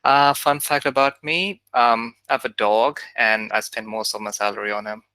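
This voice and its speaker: A man from India introducing himself as a software engineer on a video call, easygoing and humorous. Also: mid-range voice, fairly even intonation, moderate pace, no echo, poor audio. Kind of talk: casual self-introduction.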